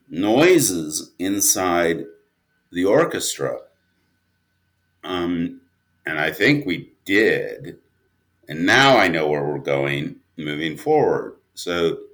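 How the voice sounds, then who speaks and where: An audio drama writer and producer appears as an interview guest, his voice low-pitched but a bit bright. He rambles through the casual, reflective chat, often poking fun at himself.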